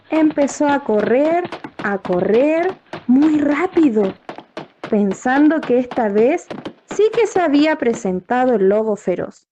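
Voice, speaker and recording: A woman narrating a children's story slowly and clearly, speaking directly to the children. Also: high-pitched, dull audio, slight background noise. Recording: narration over loud background music.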